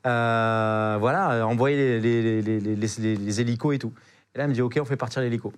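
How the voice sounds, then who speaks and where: A man's voice: medium pitch, fairly quick, smooth. Slangy young man telling a story. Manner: slangy, animated, full of hesitations and repeated words. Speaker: adventurer guest on a podcast. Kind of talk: casual storytelling.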